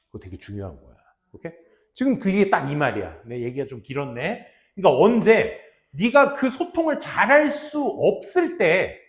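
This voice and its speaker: A young adult man teaching an English reading lesson in casual speech, often dropping to low mutters and acting out students' lines. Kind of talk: classroom lecture.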